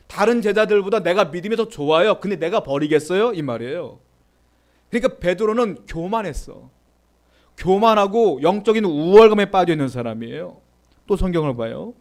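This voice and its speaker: A male pastor preaching a sermon in a conversational way, often asking the listeners questions and reading scripture aloud. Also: a little high. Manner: reads scripture aloud with the congregation.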